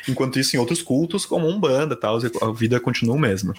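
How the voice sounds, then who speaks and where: A man with a Paulistano Brazilian accent talks through his ideas as an interview guest. His voice sits at an ordinary middle pitch. He is measured and reflective, laying out each point step by step. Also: expressive, breathy edge. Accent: Paulistano Brazilian Portuguese. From São Paulo, Brazil. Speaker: podcast guest. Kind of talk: conversational interview.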